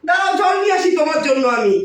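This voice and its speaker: A woman playing a very high-pitched anxious mother. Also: big pitch swings, rapid-fire. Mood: worried. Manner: anxious, pleading questions. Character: anxious grieving mother of two grown sons. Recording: echoey room, far from mic.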